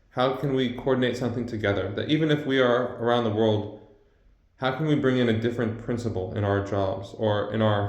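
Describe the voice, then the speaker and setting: A person speaking slowly and earnestly through a deep pitch-shift effect, reflecting aloud to a camera. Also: a little mellow. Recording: echoey, slightly dull audio.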